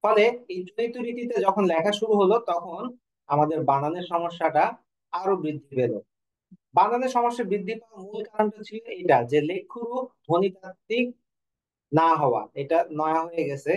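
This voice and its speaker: A Bengali teacher leads an online class in a high, animated, fairly quick voice with a darkish tone. He poses questions and answers them himself, sometimes correcting himself mid-sentence. The recording is rough.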